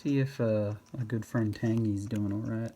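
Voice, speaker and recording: A man's voice: fairly low pitch, fairly even intonation, moderate pace, warm tone, a little hiss or hum. A man giving casual, rambling game commentary, thinking aloud and often questioning himself in a hesitant way. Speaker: gamer narrating own gameplay.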